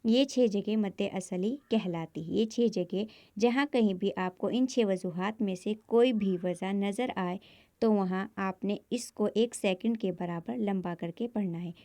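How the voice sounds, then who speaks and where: A woman teaching a step-by-step Quran recitation lesson with a Pakistani Urdu accent, slowly drawing out each example word and patiently repeating the rules. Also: mid-range voice, dark tone, no room sound, studio quality.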